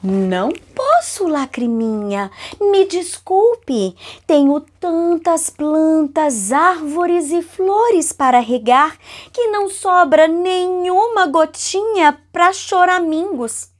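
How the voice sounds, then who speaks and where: A polite cloud lady from a storybook, voiced by a woman, apologizing softly. The pace is slow and every word is gentle. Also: very high voice, expressive, exaggerated voice. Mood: apologetic.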